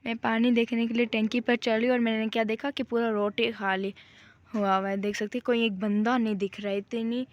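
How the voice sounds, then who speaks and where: A woman's voice: fairly high pitch, little pitch movement, brisk, highs cut off. A young woman vlogging casually from a windy rooftop at night. She chats on while shivering, and her throat is sore. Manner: chatty, talks while shivering in the cold. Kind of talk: casual vlog chat.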